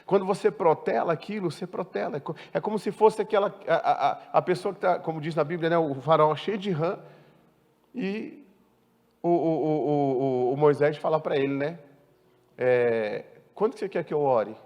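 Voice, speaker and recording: A male pastor preaching a sermon, asking the congregation questions and swinging from loud emphatic peaks to quiet endings. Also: fairly high pitch, normal speed. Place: church hall. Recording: church hall reverb.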